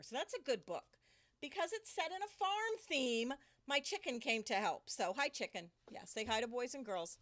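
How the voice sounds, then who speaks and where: Animated woman reading a picture book. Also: sits high. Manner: animated storyteller, asks the children questions. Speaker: teacher reading to a class. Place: indoors.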